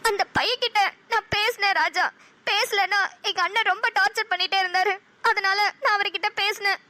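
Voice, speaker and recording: A woman's voice: very high-pitched, steady tone, fairly quick, sharp tone, no room sound. A woman with a Namakkal Tamil accent voicing a frightened, tearful young woman in a cartoon, pleading as she speaks.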